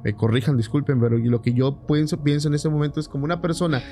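Brief: male podcast host, warm and mellow, halting and full of restarts. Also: a little high, faint music behind. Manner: hesitant, stumbling and restarting his words. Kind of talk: casual chat.

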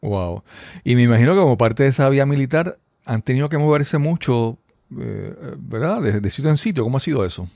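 A man's voice: mid-range voice, expressive, fairly quick, gravelly, mellow, no room sound, clean studio sound. Man hosting a podcast. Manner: friendly, asks follow-up questions. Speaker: podcast host. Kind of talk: podcast intro and interview.

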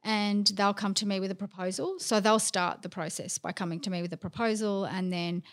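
A woman from Australia, a lawyer, chatting openly and lively as a podcast guest. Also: medium pitch, fairly quick. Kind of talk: casual interview chat.

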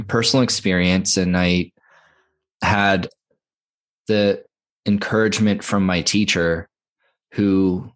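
A man from California with a Californian accent, telling personal stories casually and haltingly, often saying "like". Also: sits low, fairly bright tone. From Santa Cruz, California. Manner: halting, informal, frequent "like". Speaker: guest, intuitive healer.

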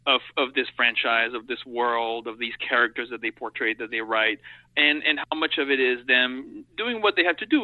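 Over a dry, phone-quality line with no room sound, a middle-aged animation editor speaks in a mid-range voice. A French native speaker from Europe and Africa, he's an earnest interview guest in casual talk, reflecting and thinking aloud in long sentences.

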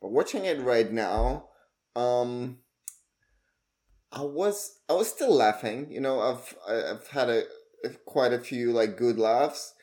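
A man co-hosting a casual movie-review podcast, halting and restarting his sentences. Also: medium pitch, lively intonation, a little mellow. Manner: halting, restarts phrases often. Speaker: podcast co-host.

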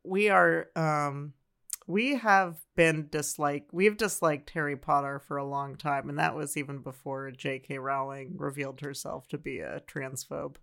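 Dry, creaky podcast co-host. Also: medium pitch, steady tone, a little slow, fairly bright tone. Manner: dry, matter-of-fact, explains ads. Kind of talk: casual chat.

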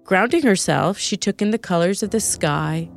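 A woman reading a story aloud, narrating in an even, descriptive way. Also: mid-range voice, normal speed, vocal fry, faint music behind. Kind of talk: scripted narration.

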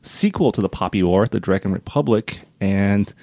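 A man co-hosting a book podcast in casual chat, easygoing and quick to laugh, with joking asides. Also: fairly low pitch, expressive, creaky, mellow, no room sound, studio quality. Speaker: podcast co-host.

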